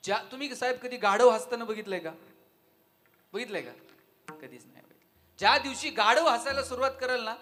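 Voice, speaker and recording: A man's voice: extremely high pitch, a little fast, pauses often. A man giving a devotional talk at a live event, telling funny anecdotes and putting questions to the audience. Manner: lively storytelling, asks the audience questions. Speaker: devotional speaker.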